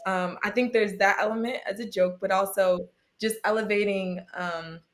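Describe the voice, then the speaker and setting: A woman's voice: mid-range voice, normal speed. A young woman athlete chatting as a guest, telling stories with lots of laughter. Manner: animated storyteller, laughs often. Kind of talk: casual chat.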